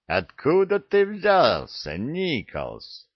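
A mocking male drill sergeant, put on by a male reader barks scornful orders in a low, drawn-out voice. His contempt for the recruits shows in every clipped command. The audiobook recording is dry and dull, lacking highs. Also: expressive, dry recording. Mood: barking. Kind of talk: audiobook character voice.

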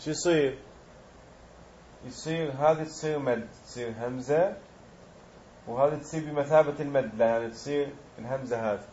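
A man's voice: mid-range voice, brisk, long pauses, darkish tone, dull audio, slight background noise. A man teaching a grammar lesson, explaining step by step and quizzing his students.

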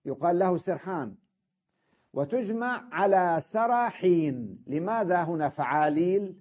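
A man's voice: fairly high pitch, breathy edge, dull audio. A male teacher giving a classroom lesson on Arabic grammar, explaining step by step and often checking that his students follow.

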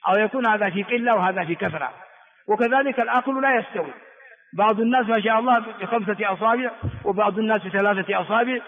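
Male lecturer, high voice, repeats words for students, phone-thin sound with hall echo. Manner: repeats words for students, asks rhetorical questions. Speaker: Islamic scholar teaching a hadith text. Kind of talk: classroom lecture on hadith and grammar. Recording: tinny phone-like echoey hall recording.

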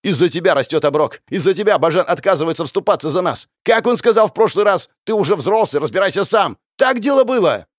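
Street urchin shoe-shiner, young male, quick to flare and shout, voiced by a male audiobook reader. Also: mid-range voice, very animated, dry recording, clean studio sound. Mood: furious shouting. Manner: shouting, indignant, strained.

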